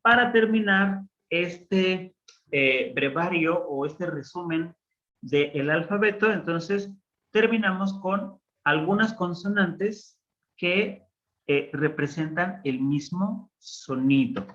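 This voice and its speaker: Man teacher with a slightly high, bright voice, patient and unhurried, on a muffled online class recording. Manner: slow, patient explaining with frequent fillers. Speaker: Biblical Hebrew teacher.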